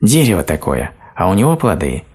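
A man's voice: low voice, huge pitch swings, a little fast, a little mellow, breathy edge, pitched above the performer's own voice, full character voice. A man voicing a kind, homely young bear cub who speaks in friendly, simple offers.

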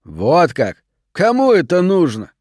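A man voicing a rude, aggressive teenage boy who snarls and shouts insults in an audiobook. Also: fairly high pitch, huge pitch swings, takes it slowly, no room sound, studio quality, pitched above the performer's own voice, full character voice. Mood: sneering.

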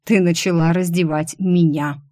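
A man's voice: on the high side, steady tone, moderate pace, close to an everyday voice. Woman voicing a teasing, mocking boss man. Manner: mocking, playfully teasing, bursts into yelling. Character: teasing, mocking male boss, quick to shout.

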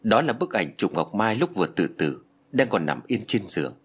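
A man narrating a ghost story with a dramatic, expressive reading. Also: on the low side, normal speed, husky.

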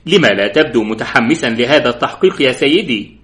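Calm polite detective guy, a man reading him, even and sure of himself. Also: mid-range voice, quick pace, lightly acted. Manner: polite, composed, gently insistent. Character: calm, confident middle-aged male detective.

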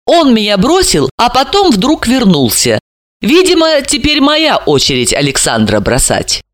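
Гордая, язвительная молодая женщина, её изображает мужчина-чтец. Говорит с вызовом и насмешкой, интонации очень живые. Запись сухая, без эха, как в аудиокниге. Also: male voice, very high-pitched, wildly swooping pitch, a little slow, fairly bright tone, no echo, studio quality, pitched above the performer's own voice, heavily acted. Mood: defiant. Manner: defiant, mocking. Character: proud, sharp-tongued young woman. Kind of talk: audiobook character reading.

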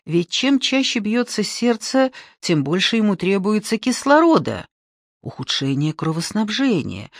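In this studio-quality, dry recording, an audiobook narrator with a medium-pitched voice reads a novel from a script, bringing an expressive storytelling touch to it.

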